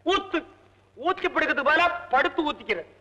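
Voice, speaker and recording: A man's voice: very high-pitched, expressive, brisk, sharp tone, dull audio, exaggerated voice. An actor playing a comic drunken male servant who whines and wails for liquor, in old film comedy style. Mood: drunken rambling. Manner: whiny, wailing comic complaints. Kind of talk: 1960s Tamil film comedy acting.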